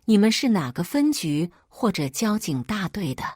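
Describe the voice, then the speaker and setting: A woman voicing a dignified older man who speaks calmly and firmly, in a storytelling reading. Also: medium pitch, normal speed, dry recording, studio quality. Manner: calm and firm. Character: calm, dignified older man, upright official.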